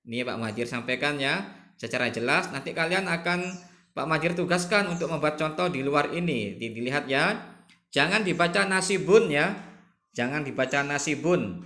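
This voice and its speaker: A man's voice: fairly high pitch, bright, forceful tone. A middle-aged male religious studies teacher giving a recorded lesson, repeating himself and stressing the recitation examples for his students. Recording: echoey room.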